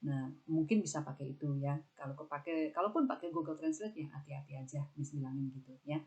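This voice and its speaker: A woman's voice: sits low, lively intonation, a little fast, darkish tone, dull audio. A young adult woman English teacher, explaining a lesson in a chatty, casual way, often adding "gitu ya". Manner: chatty, repeats "gitu ya" and "nah", stresses example words. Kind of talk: casual classroom lesson narration.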